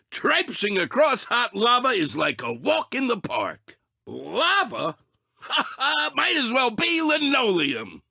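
A man voicing Anger, a short-fused, sarcastic cartoon emotion in a video game, with a raspy, blustering, exasperated delivery. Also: very high-pitched, pushed and bright, no room sound, studio quality, full character voice. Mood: cocky, gruff. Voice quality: raspy, gravelly, tense. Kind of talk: animated video game character acting.

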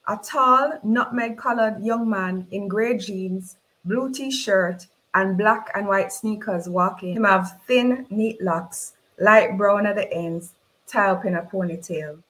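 Woman author, own novel read aloud, slow and measured, mid-pitched voice. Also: fairly bright tone, poor audio. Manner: slow, measured reading in dialect.

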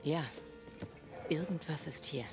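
An actress playing a composed, knowing female ghost companion in a video game, measured and serious. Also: deep voice, fairly even intonation. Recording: loud game music over the voice.

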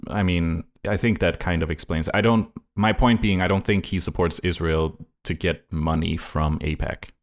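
A man's voice: deep voice, steady tone, normal speed, few pauses. A man co-hosting a podcast, rambling and thinking aloud in casual talk, with sarcastic quips. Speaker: podcast co-host. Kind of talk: casual political chat.

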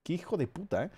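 Male Spanish streamer, slightly high voice, loose profane storytelling chat. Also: darkish tone, breathy edge. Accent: Spanish from Spain. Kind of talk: casual chat.

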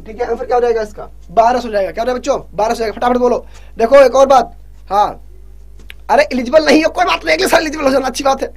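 A male exam prep teacher running a live online revision class. He keeps urging his students to answer quickly and teases them along the way. He reads each English question slowly, then explains it in Hindi. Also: very high voice. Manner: urgent, pushes students to answer fast; teasing, scolds students jokingly.

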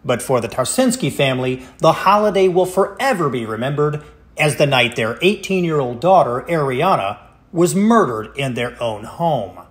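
A man's voice: on the high side, expressive, normal speed. Solemn male news reporter voice. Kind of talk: scripted news narration.

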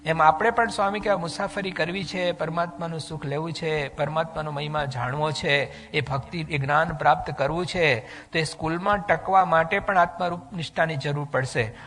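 A man delivers a devotional discourse in a lively, storytelling manner, with English phrases mixed in. His voice sits a little high and sounds bright and forceful. A long hall reverb trails behind every phrase. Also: moderate pace, few pauses. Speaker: religious speaker giving a discourse. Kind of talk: devotional sermon.

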